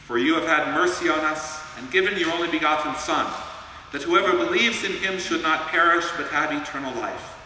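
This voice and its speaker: A male pastor leading a church liturgy in a solemn, measured way, his voice carrying through a cathedral echo. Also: fairly high pitch, bright, forceful tone. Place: large church. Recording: echoey church hall from far off, faint hiss.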